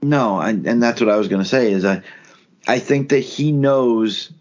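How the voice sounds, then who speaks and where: A man's voice: medium pitch, normal speed, darkish tone, muffled recording. A man co-hosting a sports podcast, thinking aloud with restarts and emphatic repeats. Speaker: podcast co-host. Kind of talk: casual sports chat.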